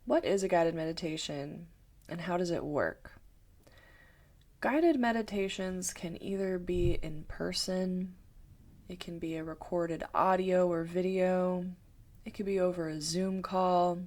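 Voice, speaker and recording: A woman who teaches meditation talks her viewers through the basics. She speaks slowly and calmly. Her voice sits on the low side, and she takes her time over each thought. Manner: slow, calm, thoughtful explaining. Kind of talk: talking-head explainer video.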